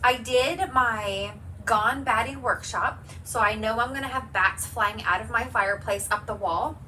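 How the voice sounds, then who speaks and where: Woman, craft livestream host, bubbly, enthusiastic, slightly high voice, distant mic, faint background noise. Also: unhurried, pushed and bright. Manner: bubbly and enthusiastic, chatty with viewers. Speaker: craft demonstrator hosting a livestream. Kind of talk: upbeat livestream sales chat. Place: home, at her craft table.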